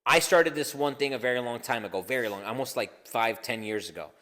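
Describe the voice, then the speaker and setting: Male co-host, mid pitch, chatty and profane, recorded in a room with a long ring-out. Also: brisk, pushed and bright, in a large hall. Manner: profane, laughing, rambling with restarts. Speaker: podcast co-host. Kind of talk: casual podcast banter.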